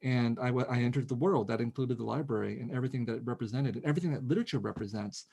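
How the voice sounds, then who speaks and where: A middle-aged man speaks quickly and in bursts, often restarting his sentences as he goes. He is an author in a relaxed conversation, heard over a video call. His pitch sits in an ordinary middle range. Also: vocal fry, husky. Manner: animated, quick, with many restarts. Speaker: author guest. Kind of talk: casual conversation.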